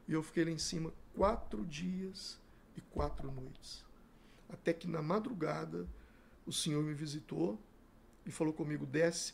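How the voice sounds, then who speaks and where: Middle-aged man from Brazil, pastor in an interview; raised pitch, gravelly fry, acts out every exchange. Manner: animated storyteller acting out dialogue. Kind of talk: telling his life story in a podcast interview.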